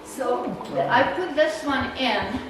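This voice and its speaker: She takes her time, her high-pitched voice expressive as she chats through a slide talk for a naturalist club, rambling with fillers and bursts of laughter. A Czech accent marks her as being from the Czech Republic. The sound is distant and noisy, bouncing around an echoey meeting room.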